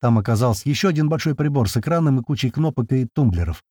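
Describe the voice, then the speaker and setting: A man narrating a first-person audiobook in a colloquial, wry and expressive way. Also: mid-range voice, fast talker, no room sound, studio quality.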